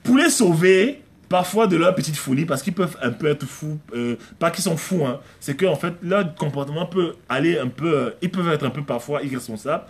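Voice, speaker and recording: A man preaching in an informal, streamed style, his voice sitting a touch high for a man. He repeats phrases for emphasis and slips into acted-out prayers and exchanges, talking as if to one listener. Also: expressive, normal speed. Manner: emphatic, repetitive, acts out prayers and dialogues. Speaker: pastor. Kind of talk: conversational live-streamed sermon.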